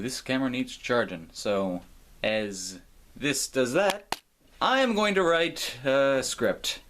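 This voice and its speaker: A man's voice: medium pitch, fairly bright tone, slight background noise. A young man from the United States talking casually to camera in a rambling, sarcastic way, swearing freely. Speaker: vlogger. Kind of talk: casual vlog talk to camera.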